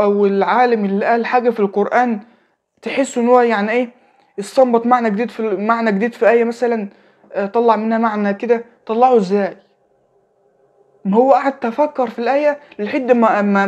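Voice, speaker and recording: With a very high, darkish voice captured on lo-fi audio, a late-teen man with an Egyptian Arabic accent gives casual religious advice. He tends to repeat phrases and checks in with his listener.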